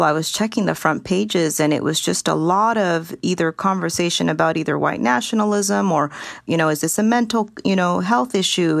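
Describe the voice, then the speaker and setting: Low, gravelly woman reporter. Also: dry recording, clean studio sound. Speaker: reporter guest. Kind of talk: news podcast conversation.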